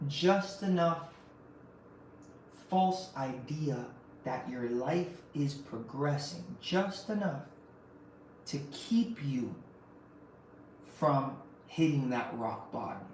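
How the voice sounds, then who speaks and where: A podcast host delivers an impassioned, faith-based motivational talk, hammering points home with repeated phrases and rhetorical questions. His voice is a little high with a darkish tone, recorded from a distance in a very echoey room with a little hiss or hum.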